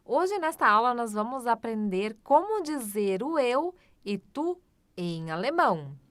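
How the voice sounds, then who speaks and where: A woman, teaching German in a slow, patient language lesson and repeating each phrase. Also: a little high, big pitch swings, fairly bright tone, no echo. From Brazil.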